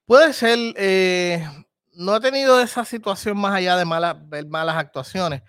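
A man with a Puerto Rican accent, a podcast guest who talks about film in a relaxed, hedging way and slips English words into his Spanish. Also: high voice, moderate pace, clean tone, dry recording, clean studio sound. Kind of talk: casual conversation.

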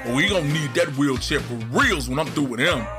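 Give the voice of a slangy cartoon crime boss played by a man. He swaggers and menaces with theatrical flair, and his pitch swoops widely. Music plays clearly behind him. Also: animated, brisk, natural voice. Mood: indignant. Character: swaggering male small-time crime boss called Crack Dog. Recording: background music.

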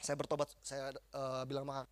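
A man giving a lively testimony as a preacher, acting out quotes and swinging between loud bursts and hushed passages. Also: mid-range voice, normal speed.

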